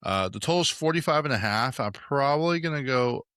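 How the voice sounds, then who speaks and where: A man's voice: mid-range voice, expressive, a little fast, fairly bright tone, clean tone, no room sound, clean studio sound. A young man hosting a casual sports podcast, talking loosely with lots of fillers and restarts. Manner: rambling, many fillers. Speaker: podcast host.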